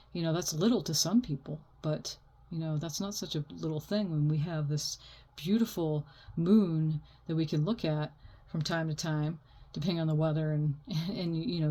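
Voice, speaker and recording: A woman's voice: deep voice, a little mellow. A woman giving an unscripted oracle card reading like a fortune teller, talking in a reassuring, spiritual way.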